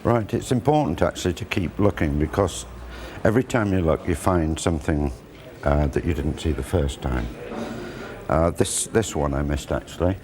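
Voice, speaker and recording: Very deep-voiced man in his sixties. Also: moderate pace. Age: 60s. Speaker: antiques buyer and presenter. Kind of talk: informal explanatory talk to camera. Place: large indoor auction room. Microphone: lapel. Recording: busy crowd murmur behind.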